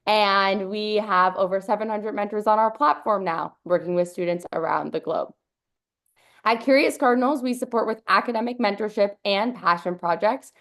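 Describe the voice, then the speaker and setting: A woman's voice: mid-range voice, normal speed, a bit bright. Upbeat young woman presenting her company. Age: young adult. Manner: upbeat, fluent, with occasional ums. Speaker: company founder and CEO presenting. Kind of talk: webinar presentation. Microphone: video call.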